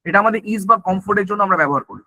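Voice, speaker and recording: A male teacher speaks very fast with lively intonation in a high, pushed and bright voice, on a dry, low-quality recording. His online exam-prep lecture is full of self-answered questions, English terms mixed into Bengali, and repeated "ঠিক আছে?" check-ins.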